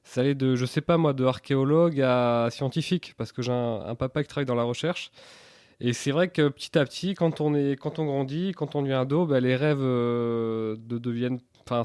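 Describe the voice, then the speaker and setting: A man's voice: mid-range voice, darkish tone, clear, resonant tone, no room sound, clean studio sound. A man, giving candid interview answers earnestly and hesitantly, often repeating words mid-sentence. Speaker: interview guest, entrepreneur.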